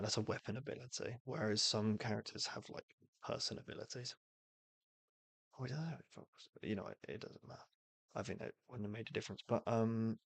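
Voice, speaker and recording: A man's voice: on the low side, no echo. A man streaming, casually explaining game rules and thinking aloud with fillers while rolling dice.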